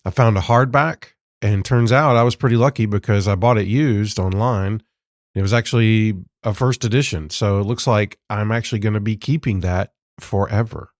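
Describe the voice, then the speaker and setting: A man hosting a book podcast in a casual, sarcastic monologue, sounding rough from being sick. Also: on the low side, normal speed, dry recording, clean studio sound. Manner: sarcastic, self-deprecating, conversational. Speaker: podcast host.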